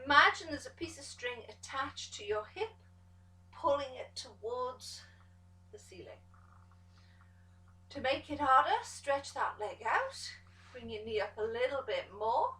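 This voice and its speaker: A woman pilates instructor giving calm step-by-step cues to an exercise class, encouraging as she goes. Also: on the high side, distant mic. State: out of breath at times. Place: pilates studio room. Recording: echoey studio room, voice from off the mic.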